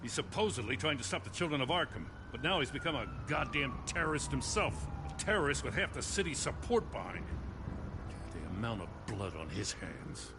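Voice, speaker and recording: A man's voice: medium pitch, sing-song, a little fast, noisy background. A man playing a weary, conscientious, frustrated police officer in a dramatic video game. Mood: troubled, frustrated.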